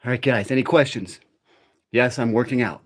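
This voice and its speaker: A man's voice: medium pitch, normal speed. A middle-aged man hosting a live workout, talking casually and in a rambling, conversational way to his viewers. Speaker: livestream workout host. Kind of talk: casual livestream chat during a workout.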